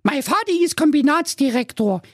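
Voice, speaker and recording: A man voicing a spoiled, rude young princess in a squeaky falsetto, for a comic fairy-tale parody reading. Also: lively intonation, moderate pace, dry recording, clean studio sound. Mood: snippy. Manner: shrill squeaky falsetto, snippy and scornful.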